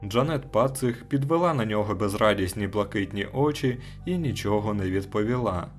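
A man's voice: fairly low pitch, expressive, moderate pace, faint music behind. Man narrating an audiobook.

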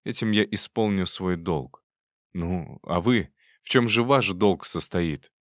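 A heartsick man in love, read by a male narrator in a storybook reading. His voice is low and pleading. The sound is dry and close. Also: slow pace, a bit bright, no room sound.

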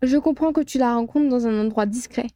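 A woman's voice: fairly high pitch, a little fast, dark tone, dry recording, studio quality, close to an everyday voice. A woman voicing a wry, teasing male wizard partner in a storybook reading, speaking dryly.

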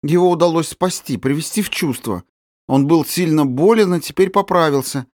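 A cunning woman speaks with a sweet, coaxing tenderness that hides her scheming, as a male narrator puts her on. Her voice sits well above a man's usual pitch and drawls softly. The recording is dry and close. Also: moderate pace, dry recording, natural voice. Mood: soothing. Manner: honeyed, coaxing.

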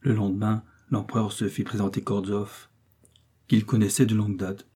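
A man narrating a classic novel as an audiobook, reading in a measured, steady storytelling manner. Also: fairly low pitch, breathy edge.

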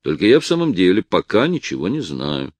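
A man voicing a young man who answers quietly and tersely, keeping himself in check. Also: low voice, wildly swooping pitch, fairly quick, no echo, full character voice. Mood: restrained. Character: young man visiting his beaten friend, restrained.

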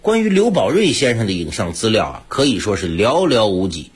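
A man hosting a radio program, speaking in a measured, reflective manner to listeners. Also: on the low side, big pitch swings, breathy edge. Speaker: radio host.

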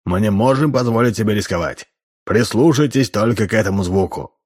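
A man's voice: on the low side, fairly quick, a little mellow, natural voice. A man voicing a showy fairground barker who declaims to the crowd. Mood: pitching. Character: loud male fairground barker.

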